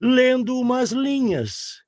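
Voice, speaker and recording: His voice is extremely high, a little mellow and animated, and he takes it slowly. He is a guest in his sixties from Rio Grande do Sul in southern Brazil, speaking regional Portuguese in a casual interview, rambling and frequently asking "sabe?". The recording is dry and clean, with faint music behind.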